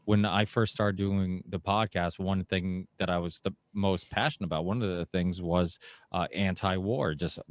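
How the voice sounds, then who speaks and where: A man in his thirties hosts a podcast from a small home studio, speaking into a boom mic with headphones on. His voice sits a little low and sounds very dry and close. He talks in an animated, rambling way and slips into mocking asides. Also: normal speed, no room sound. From Portugal. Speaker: podcast host. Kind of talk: casual interview chat. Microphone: headset and studio microphone on boom arm.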